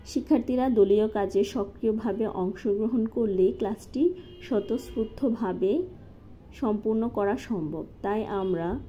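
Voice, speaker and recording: Woman with a dark, mellow voice. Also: medium pitch. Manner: methodical, step-by-step with occasional fillers. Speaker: teacher-training instructor. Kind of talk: explaining a lesson plan. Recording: slightly dull lo-fi recording with faint noise.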